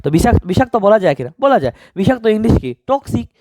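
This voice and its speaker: A man's voice: sits high, very animated, fast, darkish tone, no echo. A man teaching an exam-prep grammar lesson, asking questions and answering them himself.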